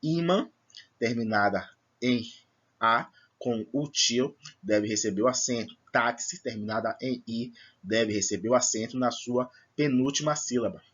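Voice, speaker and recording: A man's voice: medium pitch, a little slow, fairly bright tone, breathy edge, muffled recording. A man teaching a recorded lesson, explaining step by step in a patient way and checking that his students follow. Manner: patient, explanatory, checks understanding with "certo?" and "tá bom?".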